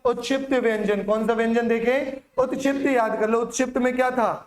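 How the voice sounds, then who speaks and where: A man's voice: extremely high pitch, steady tone, quick pace, reverberant. A male Hindi teacher giving an exam-prep lecture, drilling students by asking questions and answering them himself.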